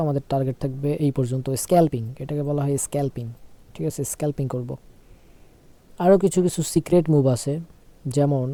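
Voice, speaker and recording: Slow-talking unwell man. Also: on the high side, dark tone, dry recording. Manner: slow, repeats phrases, asks "okay?" often. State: unwell, speaking slowly. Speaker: trading tutor. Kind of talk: casual screen-share tutorial.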